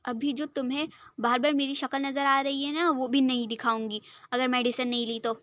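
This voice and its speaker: A woman voicing a gentle, apologetic young woman about to marry, who asks timid, hesitant questions, in a dry recording. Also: high-pitched, fairly even intonation, a little fast, dry recording. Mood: timid, coaxing.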